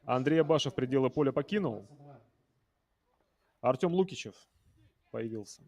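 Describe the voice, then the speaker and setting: A man's voice: mid-range voice, lively intonation, normal speed, a little mellow. A man giving live football commentary in a conversational way, talking directly to viewers and players.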